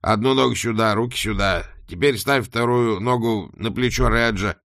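A man's voice: fairly low pitch, normal speed, vocal fry, a bit bright, dry recording, studio quality. A man reading an audiobook, voicing a brusque, practical male zombie. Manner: brusque, blunt.

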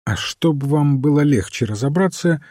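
A man voicing a mild, patient little priest detective who answers calmly and cryptically. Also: on the high side, normal speed, no echo, studio quality, pitched above the performer's own voice. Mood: calm, cryptic. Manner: calm, gently cryptic.

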